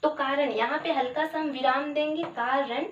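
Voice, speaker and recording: A woman teaching a Hindi grammar lesson for exam students, repeating words slowly syllable by syllable and asking questions that she answers herself. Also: high-pitched, fairly even intonation, roomy sound, distant mic, highs cut off, a little hiss or hum. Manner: slow, drawn-out syllable-by-syllable pronunciation with repeated words.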